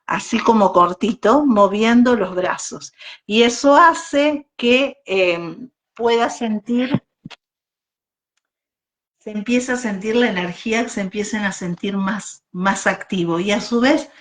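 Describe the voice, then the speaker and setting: A woman with a Rioplatense accent, a yoga teacher trainer, telling a children's story in a slow, sing-song voice and leading breathing exercises. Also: medium pitch. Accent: Rioplatense Spanish. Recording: echoey room.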